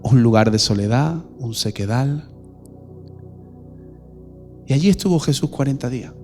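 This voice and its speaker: A pastor preaching a sermon in a church, direct and questioning. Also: male voice, mid-range voice, lively intonation, unhurried, a little mellow, faint music behind.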